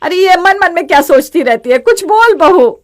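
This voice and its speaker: Woman doing a loud bossy mother-in-law barking orders, highish voice, cartoon story. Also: expressive, unhurried. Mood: scolding. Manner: loud, commanding, scolding. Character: bossy scolding middle-aged mother-in-law. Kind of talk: animated storybook voice acting.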